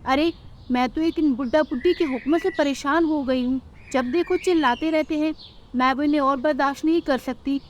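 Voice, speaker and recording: Woman voicing a sharp-tongued daughter-in-law crow. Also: high voice, moderate pace, a little hiss or hum, natural voice. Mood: irritated. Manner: complaining, ultimatum-giving.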